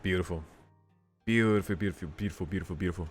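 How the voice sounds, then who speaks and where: Speaking rapid-fire in a low voice, this streamer plays through a visual novel with game music behind him. He keeps it casual and reflective, reading the text out loud and adding his own comments.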